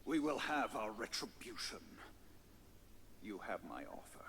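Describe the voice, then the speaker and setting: Proud alien warlord in a game, villainous, declamatory, light background hiss. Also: male voice, on the low side, very animated, a little slow, a bit bright. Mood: threatening. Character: menacing alien male warlord, proud and vengeful.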